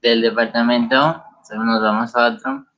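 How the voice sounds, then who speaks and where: A man's voice: medium pitch, normal speed, a bit bright, lo-fi sound. A male student from Pasto with a Pasto Colombian accent, answering hesitantly and repeating words on a video call.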